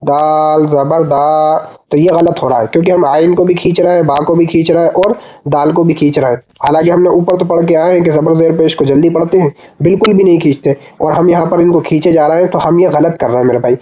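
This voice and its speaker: A man teaching reading in a recorded online lesson. He patiently spells syllables out slowly and calls his listeners brother. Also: a little high, fairly even intonation, muffled recording.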